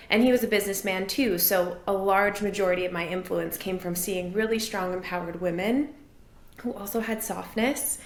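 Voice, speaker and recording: A woman's voice: mid-range voice, echoey room. A woman from Maine, a relationship and business coach, talking earnestly and reflectively as an interview guest. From Maine, USA. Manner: earnest, reflective, rises when enthusiastic. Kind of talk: casual interview talk.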